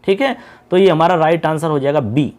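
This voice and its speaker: A man teaching an exam-prep lesson, patiently repeating key points and reading questions out slowly. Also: on the high side, a little mellow.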